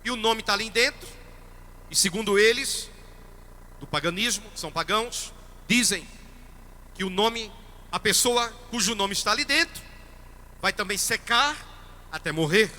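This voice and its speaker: High, bright-voiced Brazilian priest preaching. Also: male voice, animated, moderate pace, long pauses, slight background noise. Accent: Brazilian Portuguese. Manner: emphatic, questions the congregation. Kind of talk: sermon. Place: church. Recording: reverberant church hall.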